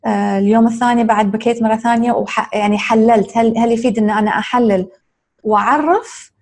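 A woman's voice: a little high, steady tone, fast talker, darkish tone. A woman asks long, thoughtful questions in an interview. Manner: thoughtful, rephrases her questions at length.

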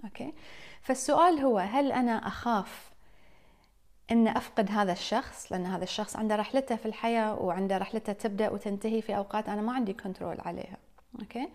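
A woman's voice: mid-range voice, rapid-fire, a little mellow. A woman and mother, talking casually and reflectively to her live stream viewers, putting questions straight to them. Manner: reflective, questioning, addresses listeners directly.

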